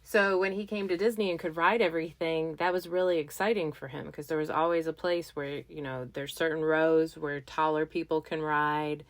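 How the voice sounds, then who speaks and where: A woman's voice: normal speed, few pauses. Playful woman telling a funny story. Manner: playful, animated, jumps into high squeaky voices. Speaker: podcast host. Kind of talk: casual storytelling.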